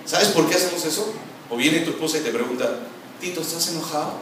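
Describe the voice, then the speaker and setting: A male pastor preaching an animated sermon with a Latin American Spanish accent, sometimes mimicking quarrelling voices. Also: fairly high pitch, fast talker. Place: church hall. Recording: very echoey hall, from far off, noisy.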